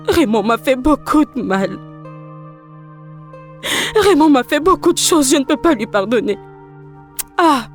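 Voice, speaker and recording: An actress dubbing an emotional young woman who pleads and cries out, in a French film dub. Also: high-pitched. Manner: pleading, emotional, often crying out.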